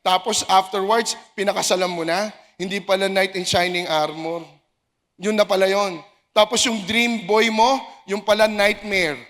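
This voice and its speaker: A middle-aged man preaching a sermon as a pastor, animated, mixing languages and acting out people he quotes in a raised voice. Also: high-pitched, moderate pace. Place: church service in a basketball gym.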